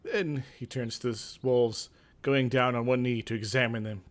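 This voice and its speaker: A man hosts a gaming video, alternating between dramatic readings of game text and casual, rambling commentary. His voice is mid-range and steady at a moderate pace, and his asides come out hesitant and meandering between bouts of theatrical narration.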